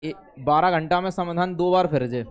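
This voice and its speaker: A male teacher speaks in a classroom. His voice sits high and rings clear as he chats with his students, slipping joking asides in between passages he reads aloud. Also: moderate pace, highs cut off. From India.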